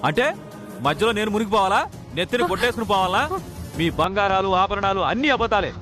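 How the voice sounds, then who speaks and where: An actor playing an angry male creditor demanding his money, speaking loud and insistent. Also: high-pitched, fast, music in the background, lightly acted. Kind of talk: TV serial acting.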